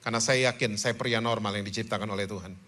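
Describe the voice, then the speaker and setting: A man voicing a soft-spoken grown man who confides in a pastor, quietly and earnestly, with small halts. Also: on the low side, fairly even intonation, fast talker, pitched below the performer's own voice.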